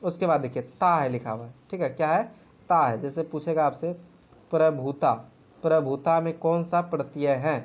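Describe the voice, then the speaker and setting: A man's voice: on the high side, normal speed, lo-fi sound. A man teaching an exam-prep grammar lesson, asking a question and answering it himself. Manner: repetitive question-and-answer drilling.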